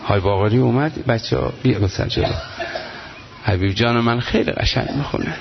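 A man's voice: medium pitch, gravelly, background noise. Man chanting a mourning sermon, lo-fi. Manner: talks casually to the gathering, then chants in slow, drawn-out wails. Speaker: eulogist reciting mourning elegies. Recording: dull lo-fi sound.

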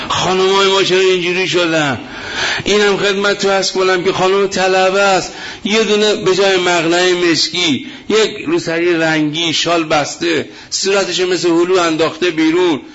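A male cleric delivering a fiery religious sermon, impassioned and quoting scripture, rising to shouts. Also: on the high side. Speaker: cleric preacher. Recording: dull lo-fi sound with faint noise.

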